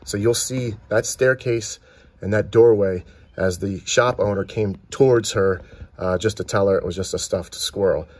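Outdoors and at shop windows in a small town, a man films a casual handheld tour of filming locations, chatting, pointing out details, and restarting often. His voice is fairly low and a little mellow, and he talks at a normal speed.

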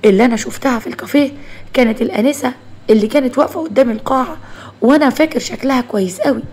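A woman's voice: high-pitched, rapid-fire, a little mellow, slight background noise, natural voice. A woman with an Egyptian accent voicing a stiff young male army officer who talks earnestly in a storybook tale.

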